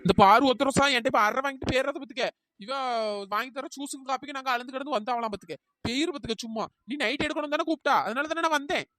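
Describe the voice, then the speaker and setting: Rapid-fire hot-tempered village woman, voiced by a woman. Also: high-pitched, no room sound. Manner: loud, abusive, argumentative. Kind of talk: cartoon voice acting.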